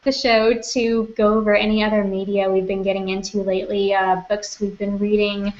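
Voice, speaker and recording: A young woman co-hosting a comic book podcast, chatting casually with animated asides and easy laughter. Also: mid-range voice, moderate pace. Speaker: podcast co-host. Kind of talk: casual chat. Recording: dull lo-fi podcast audio.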